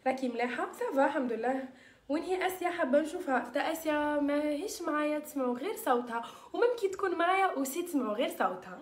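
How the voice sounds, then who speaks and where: Algerian woman hosting a casual live stream, high-pitched and quick, mixing in French words, in an echoey room. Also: animated. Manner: chatty, sprinkles French words. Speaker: live-stream host selling beauty mixtures. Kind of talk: casual live-stream chat reading viewer comments.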